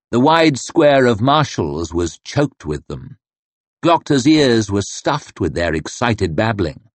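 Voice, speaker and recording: A man narrating a fantasy novel in a measured, expressive storytelling manner. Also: lowish voice, no room sound. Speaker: audiobook narrator. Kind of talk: scripted narration.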